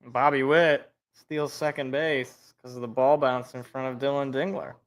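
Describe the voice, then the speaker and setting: A man doing casual live play-by-play football commentary, reacting as he goes and moving between excited calls and muttered asides. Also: mid-range voice, moderate pace.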